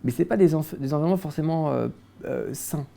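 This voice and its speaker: Quick, gravelly-voiced young man. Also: on the high side, mellow. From France. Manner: hesitant, many restarts and fillers. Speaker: interview guest. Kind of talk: casual interview, recounting his childhood.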